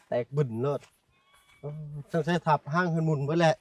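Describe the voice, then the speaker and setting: Sing-song and a little high, with a breathy edge and a somewhat slow pace, a man narrates a casual village vlog outdoors in an Isan accent. The sound is dry with no echo, his voice distant from the mic. He chats with the people he encounters and speaks to viewers as brothers and sisters.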